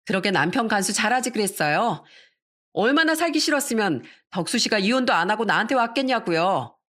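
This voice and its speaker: A woman's voice: mid-range voice, animated, a little fast, a bit bright. A woman voicing a smug young mistress who talks in a mocking, haughty way. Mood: sneering.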